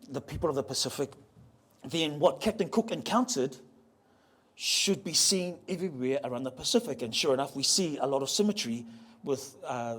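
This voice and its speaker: A man giving a public talk to a live audience, playful and joking, spelling out how words sound and getting the crowd to repeat them. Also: medium pitch. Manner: spells out pronunciation slowly. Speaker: speaker on ocean voyaging heritage. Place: museum talk venue.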